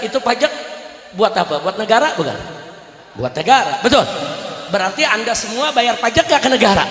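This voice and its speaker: A man preaching a fiery political sermon, shouting and throwing rhetorical questions at the crowd. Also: high-pitched. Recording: echoey hall, long reverb.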